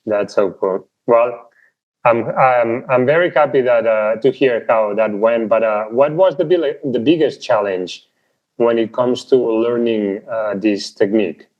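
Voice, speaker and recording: A man's voice: medium pitch, a little slow. A man hosting an interview, listening attentively and asking hesitant, rambling questions. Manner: attentive, frequent mm-hmms, hesitant questions with uhs. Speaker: interviewer, channel host. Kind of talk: casual interview chat. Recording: dull lo-fi audio.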